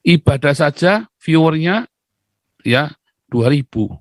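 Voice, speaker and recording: Indonesian pastor firing off rhetorical questions. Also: male voice, on the high side, slow pace, no echo. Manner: animated, keeps asking rhetorical questions and answering them; teasing, laughing. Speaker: pastor and YouTuber. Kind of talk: casual monologue to viewers. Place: Netherlands.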